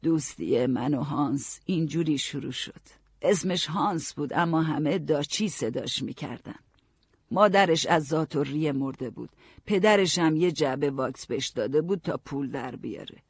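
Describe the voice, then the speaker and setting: Husky-voiced male audiobook narrator. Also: on the high side, no room sound, studio quality. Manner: calm storytelling, first person.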